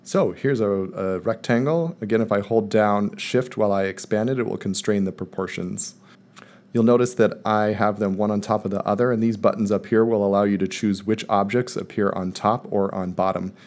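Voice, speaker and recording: A man calmly walking viewers step by step through a screen-recorded software tutorial, in voice-over. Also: lowish voice, normal speed. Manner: calm step-by-step explaining. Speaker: math teacher presenting a tutorial. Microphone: voice-over recorded over screen capture.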